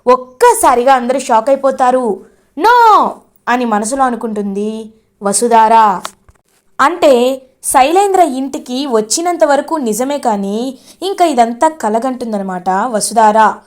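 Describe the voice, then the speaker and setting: A woman's voice: a little high, a little slow. A woman retelling the events of a TV serial as a dramatic story. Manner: animated, emphatic narration.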